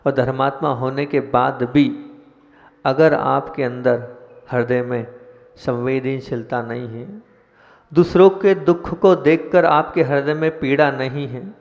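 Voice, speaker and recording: A man, a Jain monk, preaching a sermon in a slow, measured way and putting questions to his listeners. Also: mid-range voice. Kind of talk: sermon with chanted invocation. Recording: dull, reverberant hall sound.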